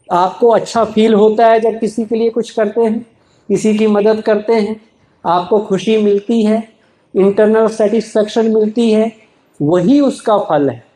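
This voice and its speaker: Man, spiritual speaker, motivational talk to an audience, rhetorical questions, warm relaxed voice. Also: high voice, reverberant, poor audio. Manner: rhetorical questions, answers them himself.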